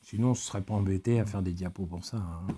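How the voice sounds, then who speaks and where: A man's voice: low-pitched, fairly even intonation, fast, mellow, slight background noise. A man from France giving a technical webinar lecture, explaining with many hesitations and fillers and the odd joking aside. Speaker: technical specialist presenter.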